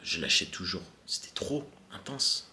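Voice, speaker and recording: A young man in his early twenties talks to camera from his room at home. His voice sits a little low, and his chat is easygoing, joking and self-mocking. Clear music plays behind him. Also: expressive, a little slow, sharp tone. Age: early 20s. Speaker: fitness vlogger. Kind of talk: casual vlog chat.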